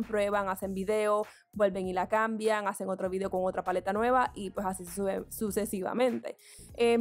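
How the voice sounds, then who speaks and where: Woman beauty vlogger, fairly high voice, candid step-by-step chat. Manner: candid, chatty, explains each step. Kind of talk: get-ready-with-me makeup tutorial chat.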